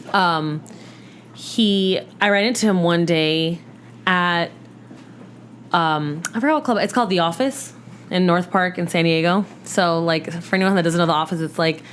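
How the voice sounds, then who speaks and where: A woman telling a casual dating story on a podcast, animated, acting out quotes and saying "like" a lot. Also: fairly low pitch, slight background noise. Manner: animated, acts out quotes, lots of "like". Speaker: podcast guest. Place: podcast studio.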